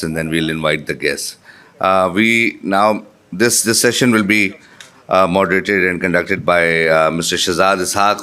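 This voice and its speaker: A man's voice: low voice, bright, forceful tone. A man with a Pakistani accent hosting an event, making formal announcements from the stage. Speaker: event host.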